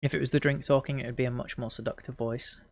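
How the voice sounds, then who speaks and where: A man's voice: medium pitch, fairly even intonation, quick pace, creaky, a little mellow. A man playing a tabletop game, jokey and mock-theatrical in his banter. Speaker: player. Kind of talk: playful in-character banter.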